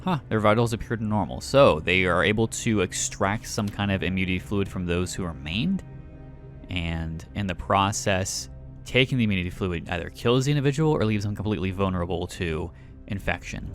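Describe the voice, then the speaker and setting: A man's voice: low voice, expressive, a little fast, faint music behind. Man thinking aloud over a game. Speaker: gaming YouTuber. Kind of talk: casual let's play commentary.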